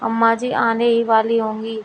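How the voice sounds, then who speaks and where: A woman's voice: a little high, monotone, normal speed, slight background noise, close to an everyday voice, low-quality recording. A woman voicing a naive, literal-minded young daughter-in-law in a family storybook, speaking earnestly and obediently. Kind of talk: storybook dialogue reading.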